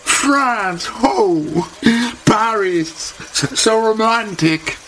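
A woman's voice: mid-range voice, lively intonation, drawn-out words, fairly bright tone, slight background noise, voice pushed up. A man voicing a bubbly, chatty American woman hairdresser with squealing exclamations. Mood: gushing.

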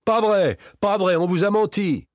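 Brief: male reader playing a cornered servant in an audiobook, high stammering whine, husky, wildly swinging pitch. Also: lively intonation, brisk, a little mellow, no room sound, clean studio sound. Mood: panicked. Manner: stammering, whiny, protesting shrilly. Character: frightened shifty male servant accused of murder.

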